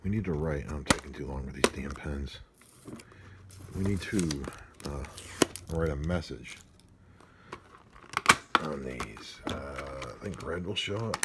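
A man with an extremely low-pitched voice speaks slowly and animatedly, pausing often, as he handles gadgets at a table indoors. He's an amateur product unboxing vlogger chatting casually and off the cuff, muttering to himself in a playful, mildly crude way, on a noisy home phone-camera recording with device clicks.

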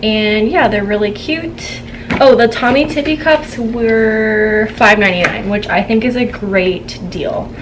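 A woman's voice: a little high, measured pace. A young woman vlogger in casual haul chat at home, talking to a camera, chatty and giggly as she tells stories. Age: young adult. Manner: chatty, giggly, gossipy storytelling. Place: home room, indoors. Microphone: camera on a tripod, seated. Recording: noisy home room.

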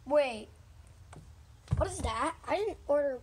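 A woman hosting a casual toy unboxing vlog, narrating chattily and excitedly. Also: high voice, takes it slowly, noisy background.

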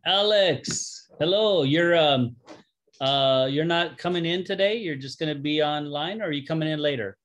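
A man's voice: a little high, moderate pace, fairly bright tone. A middle-aged man speaking conversationally as he leads a Bible study group, addressing people directly. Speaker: congregation leader teaching a Bible study. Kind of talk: informal greeting and study leading. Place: small office or classroom, indoors. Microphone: webcam video call microphone. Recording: clear background noise and clicks.

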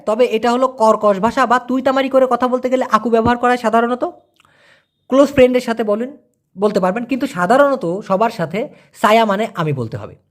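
Teacher going over basics for beginners, says each word twice nice and slow. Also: medium pitch. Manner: repeats words slowly for learners. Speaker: Malay language teacher. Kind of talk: beginner language lesson.

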